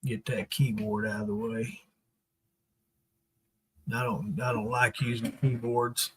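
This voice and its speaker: A man from Arkansas with a slow Southern drawl, hosting a casual live chat in a folksy, teasing way as he greets viewers. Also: mid-range voice, little pitch movement, a little hiss or hum, poor audio. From Arkansas, United States. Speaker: live stream host.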